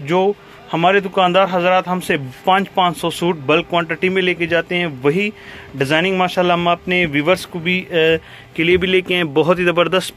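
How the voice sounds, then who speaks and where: A man with a Pakistani accent giving an eager teleshopping sales pitch, repeating praise and prices as he presents stock. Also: fairly bright tone. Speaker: cloth shop seller presenting stock. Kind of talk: sales pitch for a product video. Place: fabric shop, indoors.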